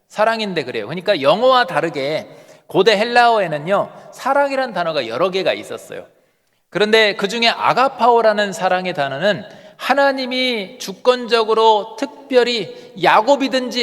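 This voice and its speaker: A man's voice: high voice, a bit bright. A man preaching as a pastor, earnest and full of rhetorical questions to the congregation. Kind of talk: sermon. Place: church sanctuary. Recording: long church hall reverb.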